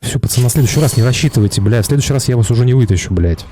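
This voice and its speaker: Dark-voiced man, coarse street-tough talk. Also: medium pitch, lively intonation, rapid-fire. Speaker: gamer playing a battle royale shooter. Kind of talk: casual gameplay commentary to teammates. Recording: faint background game noise. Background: video game sounds.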